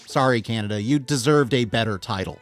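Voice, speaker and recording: A man from the United States with a North American accent hosts a film video essay channel, delivering a scripted essay with enthusiasm and wry humor plus self-deprecating jokes on the side. His voice is mid-range and his pace fairly quick.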